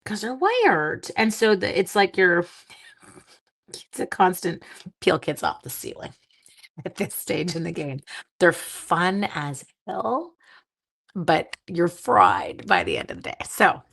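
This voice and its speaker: A sleepy, groggy woman hosts a casual crafting live stream, chatting with viewers while she works and tossing in playful little sound effects. Her voice sits on the low side and sounds gravelly yet fairly bright, and her delivery is slow but very animated.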